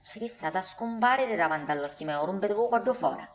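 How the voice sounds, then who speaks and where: A woman's voice: medium pitch, animated, fast, close to an everyday voice. Woman doing hot-tempered sicilian mom, broad catania dialect, dramatic complaining, comedy dub, bit of background noise. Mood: exasperated. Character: exasperated working-class Sicilian wife and mother, hot-tempered. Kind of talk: comic dialect dub of a film.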